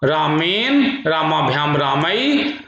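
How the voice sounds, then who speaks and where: A male teacher from India giving a grammar lecture, chanting word forms slowly in a singsong drill and explaining them. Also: a little high, big pitch swings, gravelly, pushed and bright. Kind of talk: classroom lecture with recitation. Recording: echoey room, dull lo-fi sound.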